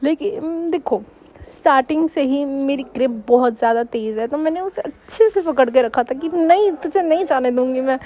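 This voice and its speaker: High-voiced chatty young woman storyteller. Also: normal speed. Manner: chatty, expressive, dramatic. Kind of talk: casual storytelling. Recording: dull lo-fi recording.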